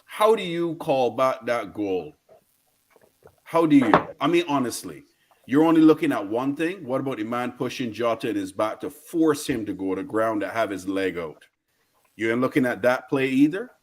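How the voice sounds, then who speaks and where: A man's voice: mid-range voice, animated, moderate pace, a little hiss or hum. A man with a Barbadian accent on a casual football fan rant, emphatic, indignant and repetitive, full of slang. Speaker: football fan guest caller.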